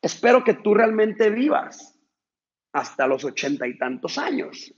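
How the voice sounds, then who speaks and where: A man's voice: high-pitched, sing-song, unhurried, slightly rough, muffled recording, pitched above the performer's own voice, heavily acted. A man voicing a wealthy ranch owner who talks down to his worker. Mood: mocking. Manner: condescending, scolding. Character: rich, mocking male ranch owner.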